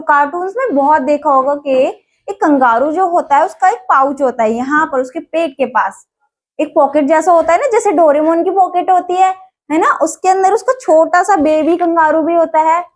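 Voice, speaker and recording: High-pitched lady teaching little kids online, keeps asking them stuff and answering herself. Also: moderate pace. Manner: coaxing, asks questions and answers them herself. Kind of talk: children's English vocabulary lesson.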